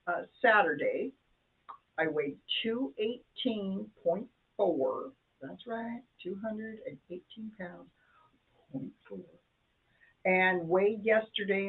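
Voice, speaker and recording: A woman's voice: mid-range voice, slightly rough. An older woman co-hosting a casual chat show, chatty and self-deprecating with playful jokes. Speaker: co-host. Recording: tinny phone-like sound.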